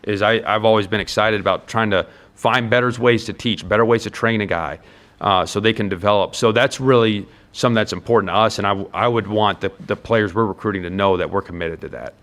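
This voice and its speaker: In a brisk, fairly bright voice on the low side, an American college football head coach talks through a conversational interview. He is earnest and emphatic, setting out each point in turn.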